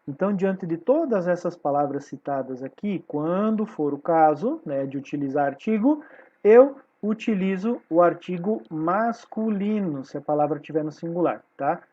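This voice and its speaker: A woman's voice: on the low side, expressive, normal speed, warm tone, highs cut off. A woman with a Brazilian Portuguese accent teaching a Spanish class online. She explains patiently and keeps checking in with her students.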